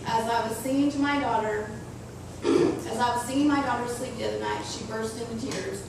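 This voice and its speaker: Addressing schoolchildren, a woman shares a personal talk on making choices in a deliberate, slow, earnest manner. Her slightly high voice has a rasp, and the recording is distant, boomy, and noisy, bouncing around a hard school hall.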